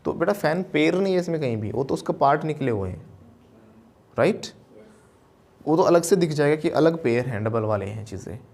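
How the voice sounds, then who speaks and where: A man's voice: on the high side, lively intonation, a little fast, gravelly, darkish tone. A man teaching an English class, keeps asking the class questions and mixes Hindi with English. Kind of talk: classroom lesson.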